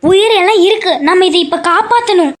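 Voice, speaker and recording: A woman telling a kids' ghost story aloud, expressive and urgent, with lots of exclamations. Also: extremely high pitch, brisk. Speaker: storyteller and main character. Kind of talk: animated storybook narration.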